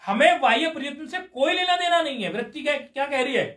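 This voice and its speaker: A man's voice: very high-pitched, lively intonation, fast talker, a bit bright. A man teaching Sanskrit grammar in a live class, explaining patiently step by step and asking his students questions. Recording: roomy echoey room.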